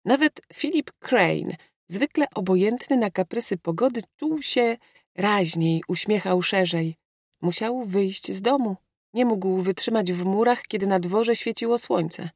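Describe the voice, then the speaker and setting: A woman narrating an audiobook in a measured, reflective way, close to a studio mic. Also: mid-range voice, a little mellow, no echo. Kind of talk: scripted narration.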